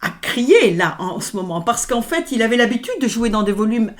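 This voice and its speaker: Woman, fairly high voice, hesitant, restarts often, interview guest. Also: big pitch swings, moderate pace. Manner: hesitant, many fillers and restarts. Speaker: violinist guest. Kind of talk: conversational interview.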